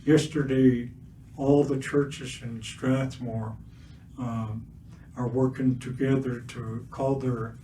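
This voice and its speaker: An older man from Siksika Nation, Alberta, Canada, whose first language is Blackfoot (Siksika), speaks earnestly as a guest speaker and residential school survivor at a livestreamed community event in a cultural centre event space. His medium-pitched talk has many pauses and fillers and a touch of gentle humor, captured by a distant mic with faint ambient noise.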